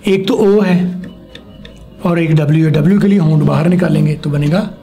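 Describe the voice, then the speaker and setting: A man teaching a spoken language lesson, slowly modeling words and having a pupil repeat them back after him. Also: fairly high pitch, dark tone, soft background music. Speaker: English teacher.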